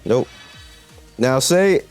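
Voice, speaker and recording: A man with a medium-pitched, slightly mellow voice speaks expressively, drawing out his words. Hosting a mobile gaming channel video, he offers casual, emphatic commentary to viewers and developers and repeats his points. There is background music.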